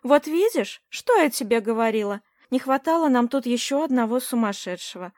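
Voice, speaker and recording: An anxious, reproachful wife with a shrill, high voice, as a woman narrator puts her on. She scolds and frets in sharp bursts. Dry, close recording. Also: lively intonation, moderate pace, dry recording, close to an everyday voice. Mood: worried.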